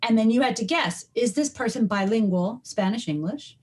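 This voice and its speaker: With a fairly high, expressive voice at normal speed, a middle-aged New York woman, a linguistics professor, explains things at length on a podcast. She frequently says um and restarts her sentences in the relaxed interview.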